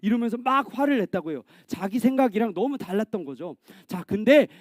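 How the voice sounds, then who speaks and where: High-voiced man preaching to children. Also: a little fast, dry recording, studio quality. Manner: animated, asks children questions. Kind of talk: children's sermon, storytelling.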